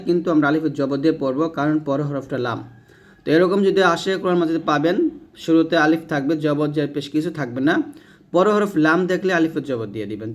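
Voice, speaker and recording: A man teaching Quran reading step by step, spelling out letters and vowel marks, then chanting the verses in long drawn-out tones. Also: fairly high pitch. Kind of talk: step-by-step recitation lesson.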